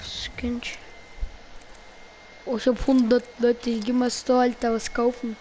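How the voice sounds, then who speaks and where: A woman streaming gameplay, talking in heavy street slang and swearing at teammates in excited bursts. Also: fairly high pitch, unhurried, slight background noise, rough recording. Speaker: gaming streamer. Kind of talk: live gameplay commentary.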